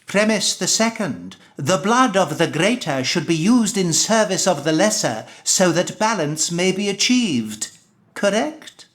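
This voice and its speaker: A man's voice: sits high, very animated, measured pace, a bit bright, heavily acted. A man playing a zealous cult priest in a video game, preaching solemnly in grandiose, archaic phrases. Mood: ceremonial. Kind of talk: theatrical video game acting.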